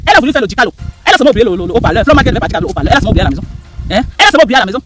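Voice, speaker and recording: A man's voice: very high-pitched, big pitch swings, racing, background noise. A man giving heated live-stream commentary, repeating himself and firing rhetorical questions at the audience. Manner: emphatic, repetitive, rhetorical questions to viewers.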